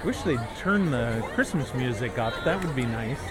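A man hosting a casual walk-around chat outdoors, rambling in a halting way. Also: mid-range voice, animated. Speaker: podcast host. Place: outdoors walking through a busy theme park. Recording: outdoor park noise and crowd.

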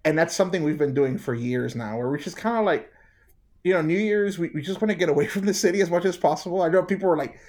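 A young adult man from New York, a worship musician guest telling stories in an animated, chatty way. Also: a little high, fast. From United States, New York. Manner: animated storyteller, acts out quotes. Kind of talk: casual interview chat.

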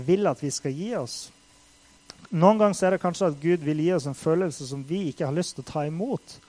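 A man's voice: a little high, a little mellow, low-quality recording. A man preaching in a casual, conversational way, full of fillers, building to intense acted-out quotes. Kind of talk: casual sermon.

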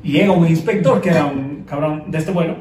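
Un hombre joven con acento ecuatoriano narra recuerdos de colegio con voz algo aguda y un estilo relajado y expresivo. La grabación suena distante, con eco de habitación y un ligero ruido ambiental. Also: male voice, on the high side, fairly quick. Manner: lively, relaxed storyteller, imitates sounds. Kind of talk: casual chat, storytelling. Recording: roomy echo, distant mic, faint noise.

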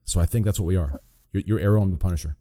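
A man's voice: low voice, racing, dark tone. A young man livestreaming, chatting casually like a hyped gamer bro, with lots of slang and swearing. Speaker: live streamer.

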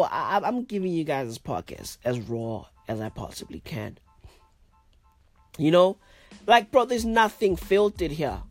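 A man with a blocked-up nose hosting a casual solo podcast from his bed, swearing often and repeating himself in loose slang. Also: high-pitched. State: congested, blocked-up nose and sinuses. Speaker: podcast host.

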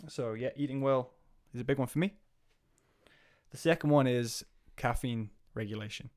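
A man's voice: mid-range voice, moderate pace, a little mellow. Rambling male coach chatting. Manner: rambling, with many fillers and restarts. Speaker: guest, coach. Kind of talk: casual chat.

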